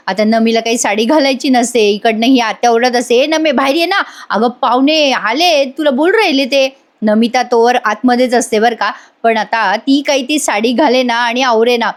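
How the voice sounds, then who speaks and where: A fairly high-voiced woman talks through a TV serial episode in a chatty voice-over. She speaks straight to her viewers the whole way, like a host running a regular review show.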